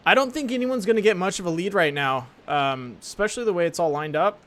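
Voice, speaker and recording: A man with a slightly high voice provides live commentary on a sim race. He talks as a casual motorsport commentator, informal and chatty, with a joking, off-the-cuff delivery. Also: expressive, quick pace, a bit bright.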